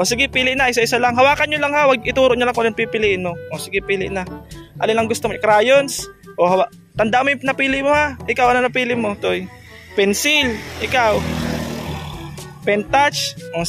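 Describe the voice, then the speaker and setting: A man's voice: very high voice, a little fast, over music. A man hosting a charity vlog, playfully coaxing children through a prize game and laughing often. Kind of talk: casual chat with kids.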